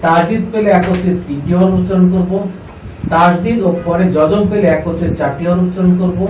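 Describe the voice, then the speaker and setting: A man's voice: sits high, a little mellow, reverberant, recorded from a distance, slight background noise, poor audio. A man teaching Quran reading to a class, asking the students questions, repeating their answers and drawing out syllables in a chant. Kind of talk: classroom lesson with call and response.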